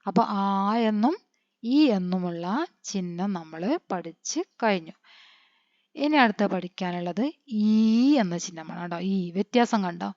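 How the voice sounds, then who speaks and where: A woman, teaching a patient lesson and spelling letters out slowly, quizzing her pupils as she goes. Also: fairly low pitch, a little mellow, no echo. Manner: patient, asks the children questions and answers them. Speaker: Hindi teacher. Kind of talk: classroom-style lesson. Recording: dry, dull lo-fi recording.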